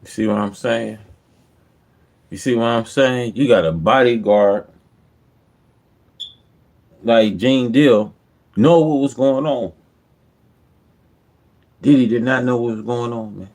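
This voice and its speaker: A man hosts a live stream and reacts to a clip in casual slang. He repeats himself and keeps dropping "man" at the ends of his lines. His voice sits at an ordinary middle pitch. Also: takes it slowly, pauses often, a little mellow. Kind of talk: reaction commentary.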